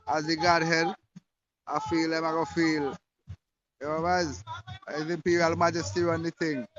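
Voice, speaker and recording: A man's voice: a little high, a bit bright. A man, calling in and chatting casually, keeps saying "you know, guys". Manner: Rastafarian phrasing, repeats "you know, guys". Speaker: caller. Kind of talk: casual chat. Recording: muffled call audio with faint noise.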